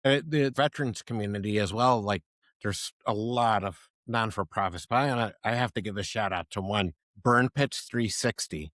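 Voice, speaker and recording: A middle-aged man hosting a conversational podcast, rambling with restarts and giving enthusiastic shout-outs. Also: fairly low pitch, normal speed, no echo. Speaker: podcast host.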